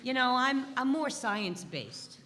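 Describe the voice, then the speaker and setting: A woman's voice: sits high, very animated, measured pace, sharp tone, heavily acted. A woman playing a tired, skeptical villager who calls herself science-based, in a church skit, with a dry, mildly annoyed manner. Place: church sanctuary. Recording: reverberant church hall with crowd noise.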